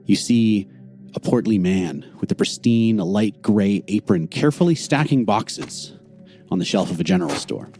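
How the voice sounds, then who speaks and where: A man with a fairly low, mellow voice tells a tabletop fantasy story as game master. His delivery is deliberate and very lively in pitch, with soft music underneath. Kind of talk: scripted narration for a tabletop game.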